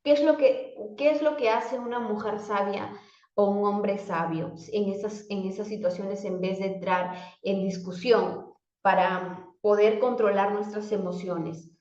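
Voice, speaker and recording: A woman's voice: mid-range voice, fairly even intonation, measured pace, darkish tone. A woman coach giving a motivational talk, often putting questions to herself by name, with many restarts and fillers. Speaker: life coach. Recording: echoey room, dull sound.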